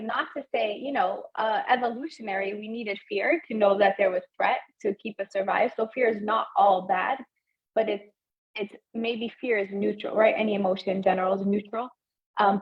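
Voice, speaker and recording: A woman's voice: medium pitch, vocal fry, dull audio. A woman co-hosting a podcast, talking in a thoughtful, meandering way with many fillers and restarts. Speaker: podcast co-host. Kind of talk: reflective casual chat.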